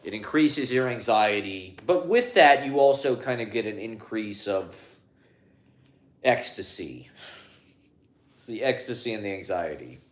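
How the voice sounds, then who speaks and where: A man who performs as a clown, speaking to his phone in a rambling casual monologue, halting, with many fillers and restarts. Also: fairly low pitch, expressive, reverberant.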